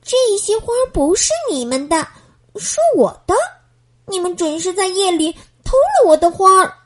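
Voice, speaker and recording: Lady doing a high little storybook girl, possessive, childlike, pitch jumping around. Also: very animated, moderate pace, fairly bright tone, full character voice. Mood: angry. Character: upset possessive little girl gardener Mabel.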